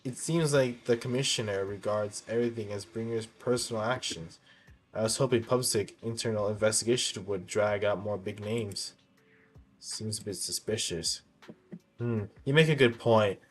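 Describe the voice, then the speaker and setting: Faint music plays behind a man whose voice is on the low side as he reads a video game's story dialogue out loud with reactions. He stumbles at times and goes back to fix his misreadings.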